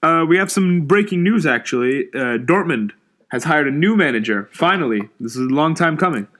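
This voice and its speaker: Young man with a slightly higher voice talking football. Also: lively intonation, fairly bright tone. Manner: easygoing, quick agreeing interjections. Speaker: podcast co-host. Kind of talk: casual sports chat.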